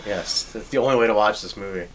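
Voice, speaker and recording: A man's voice: fairly low pitch, fast talker, slight background noise, poor audio. A man commenting casually on a movie, enthusiastic and reacting in short bursts. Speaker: film commentator.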